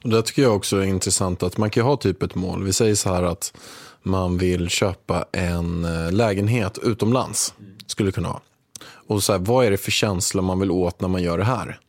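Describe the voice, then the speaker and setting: A man hosting a casual interview, prompting his guest with relaxed questions. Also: sits low, dry recording, studio quality. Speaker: podcast host.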